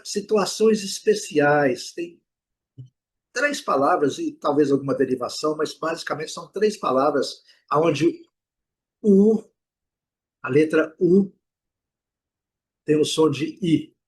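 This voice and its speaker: A Brazilian man teaching English pronunciation in an online lesson, explaining patiently and repeating each word slowly to drill it. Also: fairly high pitch, slightly rough, poor audio. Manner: drills words by slow repetition; explanatory, with rhetorical check-ins.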